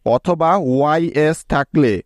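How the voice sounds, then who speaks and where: A man teaching English pronunciation in a slow, step-by-step lesson, spelling out words letter by letter and checking often that the listener follows. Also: on the high side, a little mellow, dry recording, studio quality.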